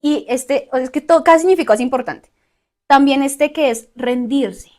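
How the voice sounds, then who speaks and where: A woman teaching a Bible study, often checking in with her listeners and listing word meanings slowly. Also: sits high, darkish tone. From Colombia.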